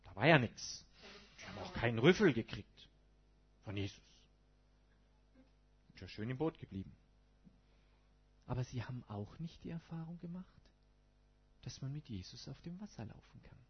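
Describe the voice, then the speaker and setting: A man's voice: mid-range voice, expressive, normal speed, long pauses, breathy edge. A man preaching a sermon to his congregation in a colloquial way, putting rhetorical questions to his listeners. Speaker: pastor. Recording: dull lo-fi recording.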